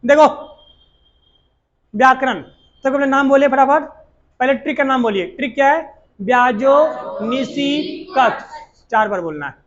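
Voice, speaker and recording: A man's voice: extremely high pitch, normal speed, long pauses, a bit bright, dull audio. A male teacher, giving a classroom lecture and drilling students with repeated questions and answers. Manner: repetitive call-and-response drilling.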